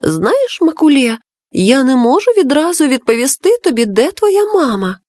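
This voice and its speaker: A magic talking seashell from a children's fairy tale, voiced by a woman with a thin, melodic tone. She speaks gently and dreamily, unhurried and calm. The voice rides high. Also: no room sound. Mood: dreamy.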